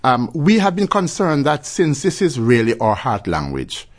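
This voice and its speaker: A man with a Jamaican accent speaking as an interview guest and church leader, explaining in measured, deliberate phrases. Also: mid-range voice, wildly swooping pitch.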